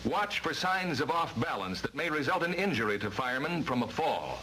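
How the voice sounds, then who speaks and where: Bright-voiced American man, vintage 1950s-style film narrator. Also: fairly high pitch, big pitch swings, moderate pace. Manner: emphatic, formal, instructional delivery. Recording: noisy vintage training film soundtrack.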